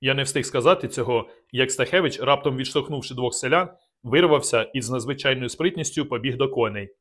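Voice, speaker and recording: A man reading a novel aloud in the first person, in a steady, measured way. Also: medium pitch. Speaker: audiobook reader.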